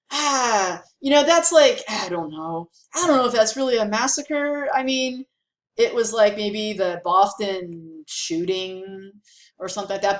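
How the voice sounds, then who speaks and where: A woman's voice: medium pitch, roomy sound. A woman teaching a history lesson in a chatty, casual way, with lots of fillers and asides. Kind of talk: casual classroom lecture.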